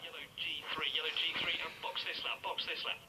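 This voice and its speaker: A man's voice: a little high, little pitch movement, fairly quick, very noisy. A man giving terse race car team radio instructions as an engineer, repeating each one twice. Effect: race car team radio transmission.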